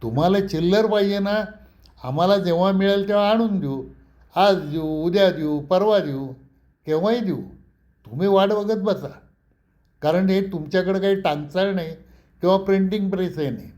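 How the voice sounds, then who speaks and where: A man's voice: fairly high pitch, unhurried, dark tone, natural voice. A man voicing a brash, wrestler-like young man who talks back in a defiant, mocking way.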